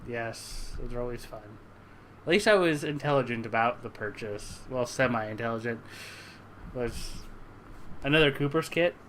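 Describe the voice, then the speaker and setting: A man's voice: mid-range voice, moderate pace, fairly bright tone, slight background noise. A young man hosting a casual home-brewing chat, easygoing and self-deprecating, who chuckles often. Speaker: channel host.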